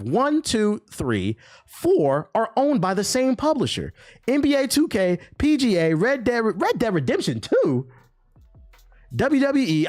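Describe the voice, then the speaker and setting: Young guy streaming game news, super animated, trash-talks everybody, voice bouncing all over. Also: high-pitched. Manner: animated, profane, mocking banter. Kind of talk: casual live-stream commentary.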